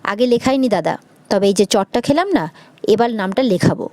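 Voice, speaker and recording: A woman's voice: mid-range voice, lively intonation, fairly quick, warm tone, dry recording, close to an everyday voice. Woman doing a wry defiant young man, dry sound.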